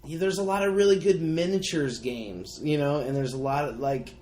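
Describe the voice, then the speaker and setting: A man's voice: on the high side, moderate pace, a little mellow. A man in his thirties co-hosting a casual podcast, rambling with enthusiasm. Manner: rambling, enthusiastic, many fillers. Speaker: podcast co-host. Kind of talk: casual chat. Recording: roomy echo.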